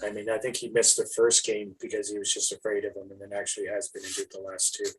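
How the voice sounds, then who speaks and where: A man's voice: lowish voice, husky, rough recording. A man co-hosting a sports podcast, talking casually with frequent restarts and swearing. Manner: animated, swearing, halting restarts. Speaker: podcast co-host.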